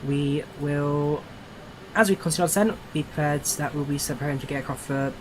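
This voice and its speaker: A man's voice: on the high side, fairly quick, lightly acted. A man playing an airline captain giving a polite, formal plane cabin announcement to passengers. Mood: courteous, informative. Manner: polite, formal scripted phrasing. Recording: steady background noise, cabin ambience.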